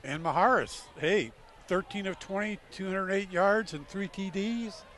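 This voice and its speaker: A man giving short, low-key interjections as color commentator during a football broadcast. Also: unhurried, a bit bright. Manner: brief interjections, low-key beside the play caller. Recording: noisy outdoor broadcast, off-mic.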